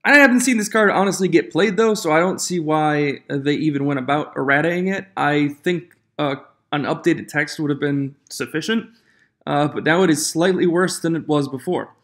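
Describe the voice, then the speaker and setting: Male online host, slightly high-pitched, casual and opinionated commentary, echoing room sound on a stand-in mic. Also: normal speed, a bit bright. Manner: informal, opinionated, reads card text aloud. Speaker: YouTube host of a trading card game channel. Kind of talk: casual news commentary to viewers. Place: echoing room outside the usual studio. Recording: echoey room, makeshift microphone.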